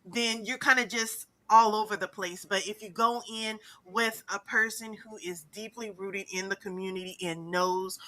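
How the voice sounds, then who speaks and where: A woman co-hosting a casual virtual reality show in a relaxed, chatty manner with slang. Her voice is very bright and sharp, at an ordinary pitch. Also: normal speed, hardly any pauses. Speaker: podcast co-host.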